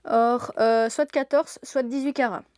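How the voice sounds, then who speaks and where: A woman's voice: fairly high pitch, steady tone, a little slow, darkish tone, dry recording. A young woman presenting products in a shop during a live stream, gushing and laughing often.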